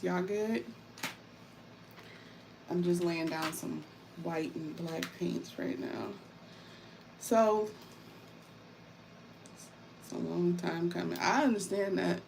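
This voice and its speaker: A warm, welcoming woman chats casually as a live-stream host. Her voice sits fairly low and has a crackly fry in it. She takes an unhurried pace and often repeats phrases, with faint noise behind her. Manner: warm, welcoming, greets viewers by name; informal, repeats phrases for emphasis. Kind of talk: casual live-stream chat while painting.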